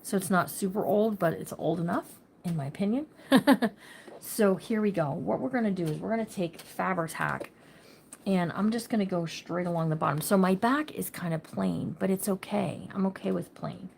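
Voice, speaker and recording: A chatty woman hosts a craft livestream, greeting her viewers by name and talking through her ideas as she works. Her voice sits at a middle pitch and tends to run a little loud. A faint hiss runs underneath. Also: moderate pace, vocal fry. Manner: chatty, talks to viewers by name, thinks aloud; says she talks loud. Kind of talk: casual craft livestream chat.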